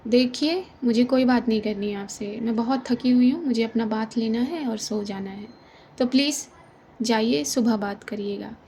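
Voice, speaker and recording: A woman's voice: a little high, normal speed, dark tone, a little hiss or hum, natural voice. A woman voicing a tired, curt young woman who keeps her distance in an audio love story. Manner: curt, dismissive, controlled. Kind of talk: audio drama reading.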